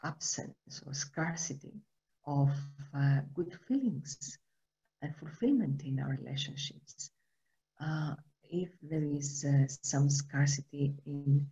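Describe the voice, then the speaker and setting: This Greek-accented woman, in her sixties, runs a meditation workshop via video call from indoors at home, her deep, mellow voice slightly rough and slow-paced. She halts often, using lots of fillers as she hunts for the right word, and the webcam recording sounds dull and lo-fi.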